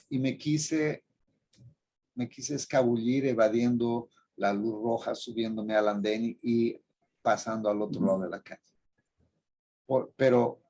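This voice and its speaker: Earnest gravelly preacher. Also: male voice, mid-range voice, darkish tone. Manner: earnest, storytelling, emphatic on moral points. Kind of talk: preaching talk with personal stories.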